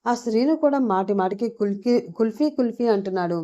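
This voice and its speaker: A woman's voice: a little high, a little fast, warm tone, highs cut off, voice pushed up, natural voice. A woman voicing a possessive young man who speaks in an irritated, insistent way.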